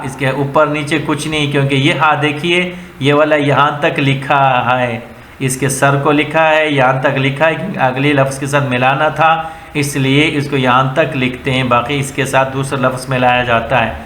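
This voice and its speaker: A man with a Pakistani accent teaching letter-by-letter Quran reading, slow and patient, repeating each sound as a drill. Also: medium pitch, level tone, fairly bright tone. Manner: patient, repetitive, drills letters one at a time. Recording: echoey room with faint ambient noise.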